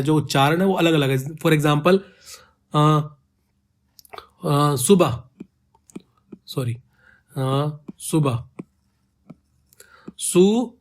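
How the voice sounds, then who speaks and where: Man explaining poetic meter. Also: fairly high pitch. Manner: counts syllables aloud, stretches words when reciting verse. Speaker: ghazal meter teacher.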